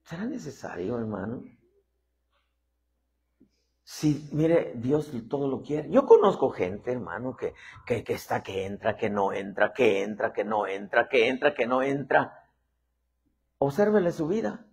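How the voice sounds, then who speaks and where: This man, an apostle, delivers a lively sermon, performing different voices and repeatedly addressing the audience as "hermano." He speaks unhurriedly in a mid-range, gravelly, husky voice with long pauses.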